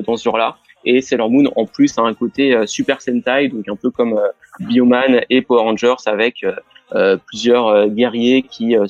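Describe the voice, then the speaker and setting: A man's voice: medium pitch, darkish tone, no room sound, dull audio. A man talking casually on a show, hesitant and full of fillers. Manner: hesitant, many fillers and restarts. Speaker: guest on a show. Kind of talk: casual radio show chat.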